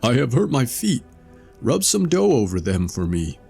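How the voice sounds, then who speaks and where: A man's voice: medium pitch, big pitch swings, normal speed, gravelly, warm tone, husky, soft background music, pitched above the performer's own voice, exaggerated voice. A man voicing a sly, deceiving male wolf in a read-aloud storybook, falsely sweet and wheedling. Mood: demanding.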